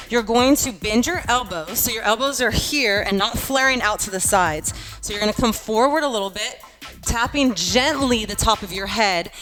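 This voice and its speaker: A woman's voice: a little high, a bit bright. A woman coaching a workout like an aerobics instructor, cueing moves and counting in a casual, encouraging, urging way. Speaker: fitness instructor leading a home workout class.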